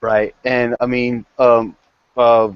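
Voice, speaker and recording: A man's voice: medium pitch, level tone, slow pace, dull audio, slight background noise. A man narrating a tabletop game as game master, rambling with many restarts.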